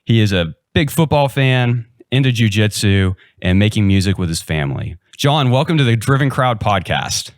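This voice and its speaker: A man hosts a podcast and chats with his guest in a friendly, relaxed way. His voice is on the low side. The sound is dry, with no room echo. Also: normal speed, hardly any pauses. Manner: friendly, easygoing questioning. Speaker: podcast host. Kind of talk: casual podcast interview.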